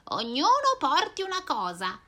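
A woman voicing a kind, cheerful young witch in a storybook reading, friendly and lively. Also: high-pitched, unhurried, pitched above the performer's own voice, heavily acted. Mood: grateful.

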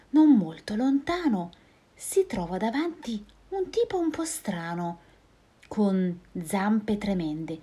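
Slow rhythmic woman storyteller. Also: mid-range voice, dark tone, husky. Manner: slow, rhythmic, sometimes whispered. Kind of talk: reading a rhyming picture book aloud.

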